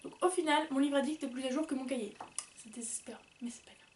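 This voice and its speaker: A woman's voice: high voice, fast, reverberant, far from the mic, a little hiss or hum. A woman chatting casually and rambling as she reviews books, with many fillers. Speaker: book vlogger. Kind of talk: casual book review chat.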